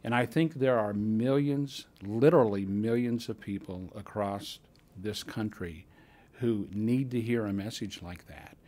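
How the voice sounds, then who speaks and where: A man's voice: lowish voice, a little slow, mellow. An older man, a film co-producer, earnestly explaining in a convention interview into a handheld mic. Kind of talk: interview answer. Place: convention room before a poster wall. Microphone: handheld mic held by the interviewer.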